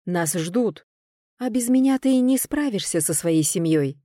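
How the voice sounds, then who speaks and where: A woman voicing a cold, calculating young nobleman who speaks calmly and without hurry. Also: medium pitch, dry recording, clean studio sound, lightly acted. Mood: cool. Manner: calm, measured and unhurried. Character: cold, calm, calculating young male lord.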